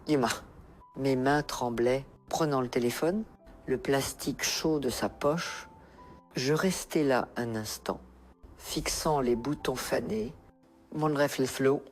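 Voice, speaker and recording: A woman narrating a first-person life story in a measured, reflective way. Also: extremely low pitch, darkish tone, soft background music.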